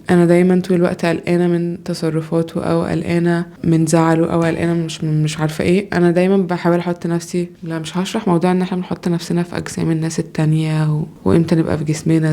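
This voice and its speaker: A young Egyptian woman talks at a rapid clip in a rambling, self-doubting monologue at home. Her voice sits low and mellow and barely rises or falls. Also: vocal fry. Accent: Egyptian Arabic. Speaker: podcaster, mother. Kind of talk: casual personal monologue.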